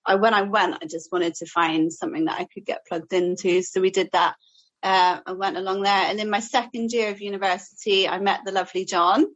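A woman with a Northern Irish accent talks at a medium pitch. She shares personal memories in a chatty, slightly hesitant way, as a podcast guest would. The sound is a bit dull and lo-fi. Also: fairly even intonation, brisk. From Portadown, Northern Ireland. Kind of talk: casual personal storytelling.

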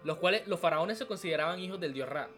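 A man's voice: high-pitched, quick pace, a bit bright. A young man co-hosting a casual podcast, reading notes aloud with stumbles and side remarks. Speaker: podcast co-host. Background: faint background music.

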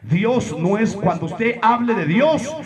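Male preacher, high and animated, emphatic shouting delivery, live church with the congregation audible. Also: takes it slowly, crowd noise. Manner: emphatic, preaching with rhetorical questions and sudden shouts. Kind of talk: sermon.

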